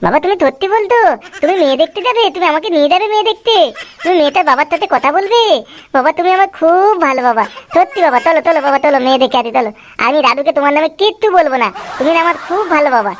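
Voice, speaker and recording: A high-pitched, whiny cartoon boy, voiced by a woman, who chatters fast and pleads like a spoiled child. A faint hiss of background noise sits under the voice. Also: animated. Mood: excited. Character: whiny boy eager to marry. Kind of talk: Tweencraft cartoon voice acting.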